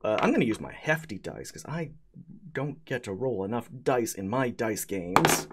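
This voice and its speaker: A man working as game master, narrating an improvised tabletop game in a halting way, repeating words as he goes. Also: medium pitch, big pitch swings, a bit bright, a little hiss or hum.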